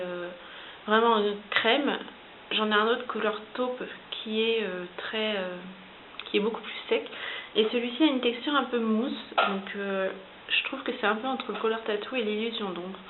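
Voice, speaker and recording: Chatty woman on a hissy, tinny recording. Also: on the high side. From France. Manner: chatty, frequent hesitations. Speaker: beauty vlogger. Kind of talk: casual product review. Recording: hissy lo-fi home video, phone-like.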